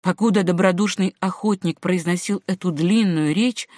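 Audiobook narrator: woman, measured and even, dry close recording. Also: fairly low pitch, dry recording.

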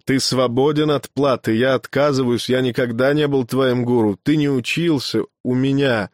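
A man's voice: mid-range voice, steady tone, moderate pace, dry recording, clean studio sound, close to an everyday voice. A man voicing a dying old teacher, strained. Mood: pained, pleading. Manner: strained, broken phrases. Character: dying old male teacher, gasping in pain.

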